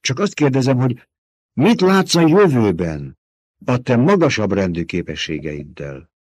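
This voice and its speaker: A proud young noblewoman answering tensely and defensively, as a male narrator voices her. The voice sits somewhat higher than his own. The sound is dry and close. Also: very animated, a little mellow, dry recording.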